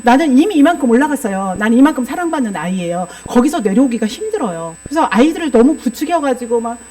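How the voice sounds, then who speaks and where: A woman's voice: fairly high pitch, big pitch swings, fast, darkish tone. A woman preaching a sermon that mixes in psychology teaching, explaining patiently and often asking the congregation rhetorical questions.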